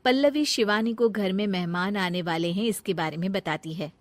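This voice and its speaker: A woman's voice: mid-range voice, normal speed, no room sound. A woman giving scripted narration for a cartoon family story.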